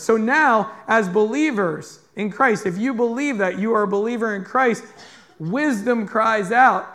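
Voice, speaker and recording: A man with a notably high voice preaches a sermon in church. His delivery is earnest and direct, and he keeps asking the congregation questions to draw them in. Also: fairly bright tone. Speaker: pastor.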